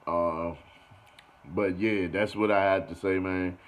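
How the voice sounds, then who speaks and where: Brief: young man, lowish voice, laid-back sports vlog rant, repeats phrases, "you feel me" talk. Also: fairly even intonation, takes it slowly. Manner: loose and conversational, repeats phrases, keeps saying "you feel me". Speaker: sports vlogger. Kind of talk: casual sports commentary monologue.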